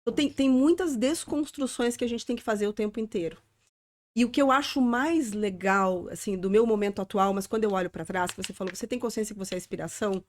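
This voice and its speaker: Woman, Southern Brazilian accent, interview guest, earnest and reflective, middle pitch. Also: fast. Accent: Southern Brazilian (gaúcho). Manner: reflective, earnest, frequent "né?" tags. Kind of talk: conversational interview.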